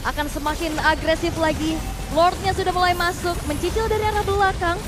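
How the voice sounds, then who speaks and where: A woman's voice: extremely high pitch, fairly even intonation, brisk. A woman with an Indonesian accent calling a live esports match as play-by-play caster, urgent and dramatic. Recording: music behind the voice.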